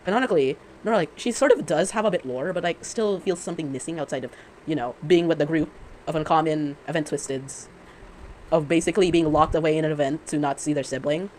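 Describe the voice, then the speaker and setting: A fan commentator rants about a game off the cuff, sarcastic and rambling, full of stammers and constant self-corrections. The voice is medium-pitched, fast and a little mellow, captured in poor amateur audio with clear background noise.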